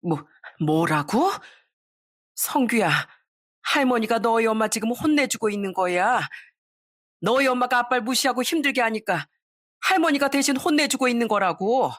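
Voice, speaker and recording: A woman voicing a domineering older mother-in-law who yells and scolds in a raised, high voice. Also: expressive, normal speed. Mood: defensive. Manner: yelling, scolding.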